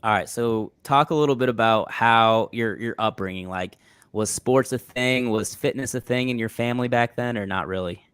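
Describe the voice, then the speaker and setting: A man's voice: medium pitch, normal speed, fairly bright tone, clean tone, dry recording, studio quality. A man hosting a podcast, asking easygoing questions and cracking jokes. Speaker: podcast host. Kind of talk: casual interview.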